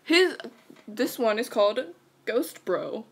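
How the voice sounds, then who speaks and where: A woman's voice: fairly high pitch, takes it slowly, vocal fry. A woman hosting a casual chat, bubbly and giggly, who also reads a scary story aloud. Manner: bubbly and giggly, bursts into excited squeals. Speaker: channel host.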